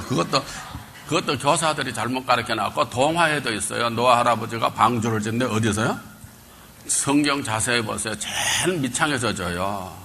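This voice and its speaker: A male pastor giving a Bible lecture, quizzing his congregation and calling for answers, swinging between loud bursts and quiet asides. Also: medium pitch, slight background noise. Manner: quizzes the congregation, call and response.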